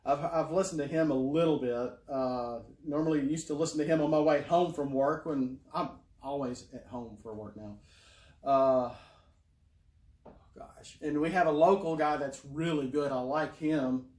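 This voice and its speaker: A man's voice: a little high, normal speed, darkish tone, echoey room. A middle-aged man rambling in a casual monologue, full of fillers and restarts. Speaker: YouTuber.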